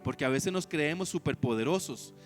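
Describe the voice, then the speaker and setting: A male pastor preaching a sermon, calling out to the congregation and swinging between loud emphatic lines and hushed low ones. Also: expressive, a little fast, soft background music. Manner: preaching with call-and-response questions to the congregation. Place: church service.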